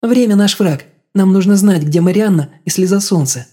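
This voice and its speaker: A woman voicing a cold, elegant countess in an audiobook, soft but demanding, with icy politeness. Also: medium pitch, moderate pace, lightly acted. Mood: soft commanding. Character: cold elegant female countess, calm torturer. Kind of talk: audiobook character voice.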